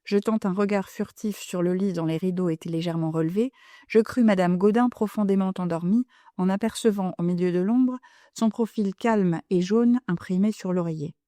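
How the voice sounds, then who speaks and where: A woman reading a classic novel as an audiobook, in a measured, composed storytelling manner. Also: medium pitch, warm tone, dry recording, clean studio sound. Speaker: audiobook reader.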